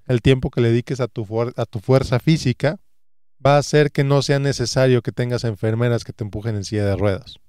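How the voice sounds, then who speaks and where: Earnest guy in his 30s doing a solo podcast, mellow smooth voice, dry close mic. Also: mid-range voice, dry recording. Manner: earnest, repeats phrases in lists. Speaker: podcast host and financial advisor.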